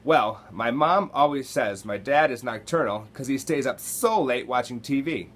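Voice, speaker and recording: Man reading an eager, squirmy schoolboy from a children's storybook who blurts things out, slightly husky. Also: mid-range voice, normal speed, fairly bright tone.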